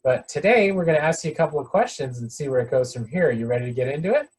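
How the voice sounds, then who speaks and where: A man's voice: on the high side, expressive, fast, a little mellow, breathy edge, low-quality recording. A man hosting an interview, upbeat and encouraging, with many "you know" fillers. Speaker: interview host. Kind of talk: casual interview chat.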